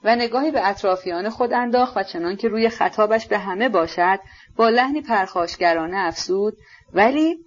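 A woman reads a novel aloud in a steady, measured storytelling voice. Her pitch is in the middle range for a woman. The recording is slightly dull and lo-fi. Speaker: audiobook narrator. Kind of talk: scripted narration of a novel.

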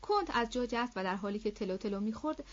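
A woman narrating a classic novel as an audiobook in a steady, measured reading voice. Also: a little high. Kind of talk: scripted literary narration. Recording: slightly dull lo-fi audio.

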